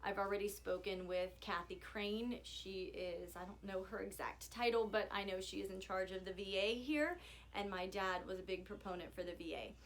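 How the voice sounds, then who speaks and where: A woman's voice: mid-range voice, moderate pace, slight background noise. A woman chatting casually in a personal video, candid and self-deprecating, rambling as she goes. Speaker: vlogger.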